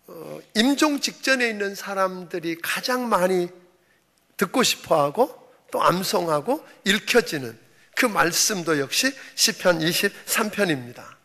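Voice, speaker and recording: A man preaching a sermon as a senior pastor, telling stories in a measured way. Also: high voice, gravelly, a bit bright. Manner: measured storytelling delivery. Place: church sanctuary. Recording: long reverb of a church hall.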